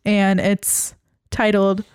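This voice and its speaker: A woman's voice: medium pitch, monotone, very slow, smooth, no room sound. Chatty woman podcast co-host, dry sound. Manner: chatty, frequent fillers, laughs often. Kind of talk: casual chat.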